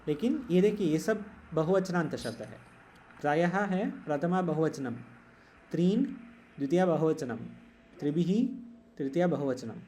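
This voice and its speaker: A man's voice: a little high, lively intonation, a little slow, mellow, a little hiss or hum. A man teaching Sanskrit grammar in an online class, patient and explaining step by step, slipping into English.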